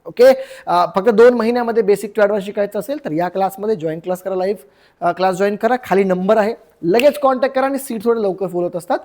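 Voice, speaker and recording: A young man teaching everyday English phrases in a casual Marathi lesson, repeating each phrase and drawing the English words out slowly. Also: high voice, a little mellow.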